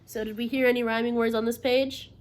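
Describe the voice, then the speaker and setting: Playing the teacher, a woman gives an expressive storybook reading to children, regularly pausing for questions and confirming the responses she gets. Her pitch leans high but her tone stays level, and she keeps an instructive, checking-in manner throughout. There's noticeable noise behind her.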